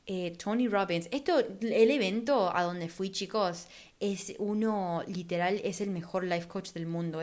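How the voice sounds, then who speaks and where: A young woman hosting a podcast, talking in a chatty, casual way and sprinkling English words into her speech. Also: medium pitch. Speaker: podcast host.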